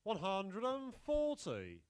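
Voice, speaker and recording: A man's voice: high-pitched, huge pitch swings, takes it slowly, clear, resonant tone, no echo. A man working as a darts score caller, announcing scores and legs in short, formal calls.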